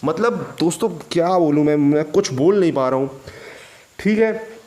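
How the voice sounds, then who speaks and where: A man hosting a reaction video, talking to viewers in an agitated, halting way and restarting often. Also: on the high side, lively intonation, a little mellow. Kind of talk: casual commentary to viewers.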